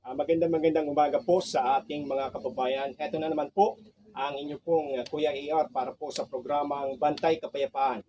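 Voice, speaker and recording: A man with a Filipino accent reporting as a radio host in the field, polite and formal, pausing with hesitations. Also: a little high, fairly even intonation, over music. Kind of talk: radio news reporting and interview.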